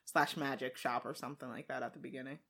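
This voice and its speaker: Bright-voiced woman laughing through movie talk. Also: rumbling low, steady tone, quick pace. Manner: laughs often, retells scenes. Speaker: podcast co-host. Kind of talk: casual chat reviewing a movie.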